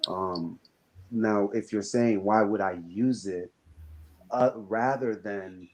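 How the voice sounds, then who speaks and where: A man with a very low, dark, mellow voice talks in a relaxed podcast chat. He hedges a lot, full of ums and restarts, and picks up pace and pitch when he pushes back. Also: takes it slowly, rough recording. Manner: hesitant, many fillers and restarts; rises and speeds up when pushing back. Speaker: podcast co-host. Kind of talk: casual discussion.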